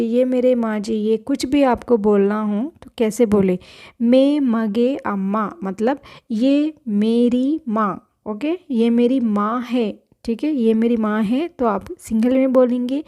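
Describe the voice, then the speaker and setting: A woman gives a spoken language lesson at a slow, careful pace. Her voice sits a little high but sounds soft and mellow. She repeats each word several times and patiently corrects pronunciation. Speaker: language teacher.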